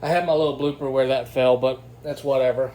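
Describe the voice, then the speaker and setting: A man with a mid-range, dark-toned voice speaks fast and steadily. As host of a product unboxing and test video, he chats casually with folksy, slangy enthusiasm, recorded through a phone's built-in microphone with plenty of noise.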